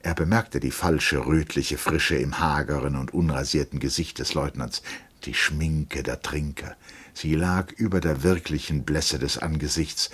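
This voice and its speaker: A man reading a novel aloud for radio in a measured, dramatic way. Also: extremely low pitch, breathy edge. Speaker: narrator.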